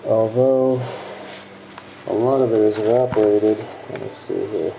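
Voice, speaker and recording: A man's voice: lowish voice, measured pace, background noise. A man who builds models, casually narrating his progress while his voice is muffled by the face mask he is wearing. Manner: relaxed, casual, with frequent "uh".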